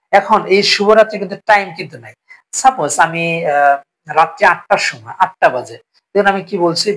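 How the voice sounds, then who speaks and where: On a low-quality recording, a man with a fairly high, fairly bright voice teaches a spoken English lesson. He explains slowly and patiently, repeats each phrase, and frequently checks in by asking "ঠিক আছে?".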